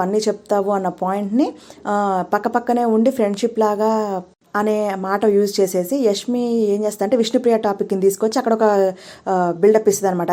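This is a woman who runs a reality show recap. She talks at a rapid clip and gives her own opinions as she acts out what people said. Her voice is mellow and dark. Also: mid-range voice. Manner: opinionated, retells arguments in quoted speech. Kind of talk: casual commentary recap.

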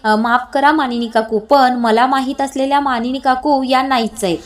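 A woman's voice: high voice, steady tone, normal speed, natural voice. A woman voicing a defiant young woman arguing back at an older woman.

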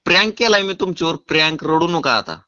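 A man is on a prank phone call, speaking in a fairly high voice. He talks in an insistent, pressing way. The call audio is dull and lo-fi. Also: lively intonation, brisk, pushed and bright. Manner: insistent, urgent, then apologetic and teasing. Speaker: prank caller.

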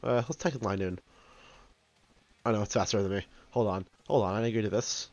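A man chatting with a friend while they both play, asking quick questions with many restarts. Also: lowish voice, dry recording, faint music behind. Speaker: co-player friend. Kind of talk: casual gameplay chat.

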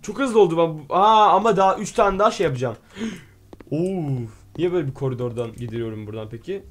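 A man talks through his gameplay in lively let's play commentary, his voice sitting a little higher than most men's. He exclaims at every find, grumbles and swears playfully at the game, and reads its text aloud before translating it. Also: a little fast. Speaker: gaming video host.

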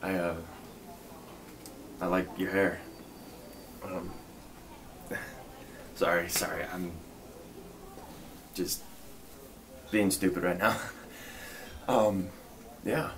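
A man in his twenties playing a shy, awkwardly flirting guy in a role-play, halting as he nervously laughs off his awkwardness. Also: low voice, steady tone. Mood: flustered, embarrassed. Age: 20s. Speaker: solo role-play performer. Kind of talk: spoken role-play to the listener, casual small talk. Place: indoor room at home. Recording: distant mic, clearly noisy room.

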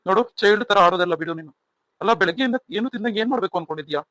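A man's voice: sits high, rapid-fire, a bit bright, dry recording. [name], a man doing a stern young husband. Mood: scolding. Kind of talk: cartoon voice acting.

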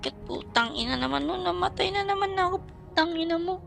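A woman streamer giving excitable, foul-mouthed live commentary on her own gameplay, trash-talking her opponents. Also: very high-pitched, brisk, creaky, soft background music. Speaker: gaming streamer.

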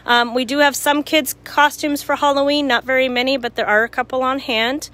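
Higher-pitched woman talking through a face mask. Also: steady tone, brisk, a bit bright. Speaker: shop worker giving a store tour. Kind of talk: casual walk-through product tour. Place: small cluttered shop, indoors. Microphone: handheld phone.

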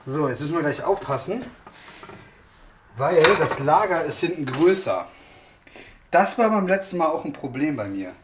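A man's voice: a little high, heavy background noise. A man hosting a car repair vlog, casually explaining his work and thinking aloud with many fillers. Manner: chatty, lots of fillers, thinks aloud while working. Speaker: host, car mechanic.

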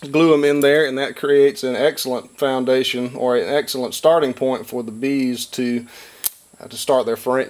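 A man in his thirties giving a relaxed, hands-on beekeeping lesson in a wood-paneled workshop, talking plainly with frequent fillers. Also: medium pitch. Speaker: beekeeper and channel host. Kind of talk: hands-on instructional talk.

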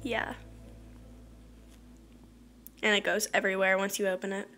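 In her small bedroom beside a curtained window, a teenage beauty vlogger rambles casually through a makeup tutorial, often trailing into mumbles and poking fun at herself. Her slightly scratchy, mid-range voice has little pitch movement and a bright, forceful tone, a little slow, over soft background music.

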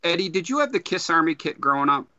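A man in his fifties co-hosting a podcast, starting with hesitant restarts and then pressing his point in an animated way. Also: fairly high pitch, fast talker, no echo. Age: 50s. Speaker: co-host. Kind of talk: casual podcast debate. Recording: dry slightly dull call audio.

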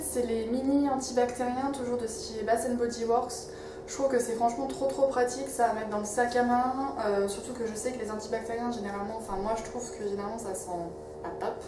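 A young woman vlogging about her wishlist in a casual, chatty way, with lots of fillers and restarts. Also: fairly high pitch. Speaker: beauty vlogger. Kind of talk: casual chat to camera. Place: home office and living room. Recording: echoey room, mic a bit far, faint hiss.

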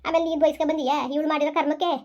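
A woman's voice: high voice, little pitch movement, racing, darkish tone, muffled recording, lightly acted. A woman playing a weary, lamenting village mother-in-law. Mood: bitter, despairing. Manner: lamenting, repeats her complaints. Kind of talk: village family drama.

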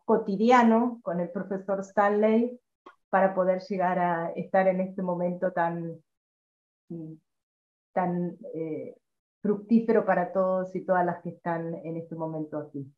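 Woman, seminar moderator, hesitant formal welcome; tinny video-call audio with room echo. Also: lowish voice. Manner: hesitant, with frequent fillers and restarts. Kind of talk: formal opening remarks.

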